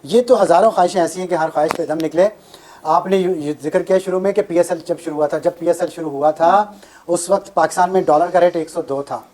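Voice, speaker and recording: A woman's voice: lowish voice, dark tone. A woman from Pakistan earnestly lecturing as a panelist on a TV show. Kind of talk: TV panel commentary.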